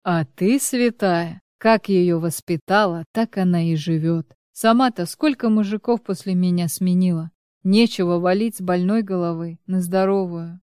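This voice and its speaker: Brief: woman narrator voicing a sullen, pleading divorced man from an audiobook, smooth clean delivery, dry close sound. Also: lowish voice, moderate pace, dark tone, dry recording, natural voice. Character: down-on-his-luck divorced man, ex-racer.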